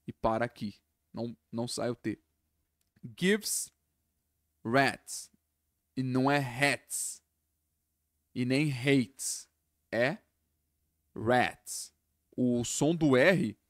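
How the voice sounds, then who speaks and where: Male English teacher from Brazil, slow and patient, mid pitch, dry close mic. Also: no echo. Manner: slow, explains sounds step by step, repeats words. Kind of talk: pronunciation lesson.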